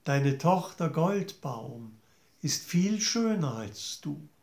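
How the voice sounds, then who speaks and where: A man voicing a small magic trout in a fairy tale, speaking quietly and calmly. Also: fairly high pitch, slow pace, gravelly, heavily acted. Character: a small magic trout who tells the truth. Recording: roomy echo.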